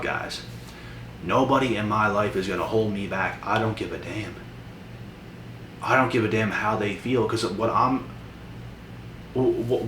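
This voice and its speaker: A young man giving a blunt, preachy motivational monologue to camera. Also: deep voice. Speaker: motivational vlogger. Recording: echoey room from a distance with noise.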